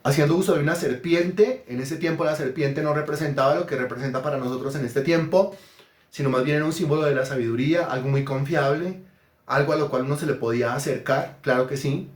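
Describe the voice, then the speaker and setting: A man's voice: fairly high pitch, brisk, echoey room. A man preaching an interactive sermon, asking questions and praising the answers. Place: church hall.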